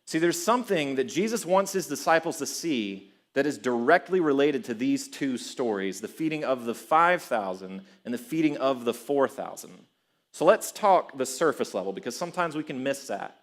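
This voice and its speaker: A young adult man preaching a sermon in a casual, animated way, chuckling as he tells stories. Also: mid-range voice, normal speed.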